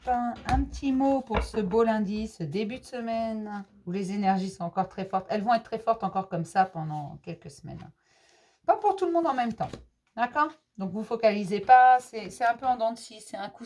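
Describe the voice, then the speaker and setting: A woman hosting a daily card-reading message, speaking gently and reassuringly to her viewers and often repeating herself on purpose. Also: mid-range voice, slight background noise. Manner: warmly addresses viewers as dear ones. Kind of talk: casual spiritual advice to viewers.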